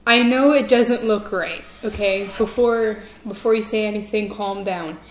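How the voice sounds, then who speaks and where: A woman's voice: medium pitch, normal speed, echoey room, rough recording. A woman hosting a casual taste-test video, chatting to viewers in a giggly manner. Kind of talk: casual chat to camera.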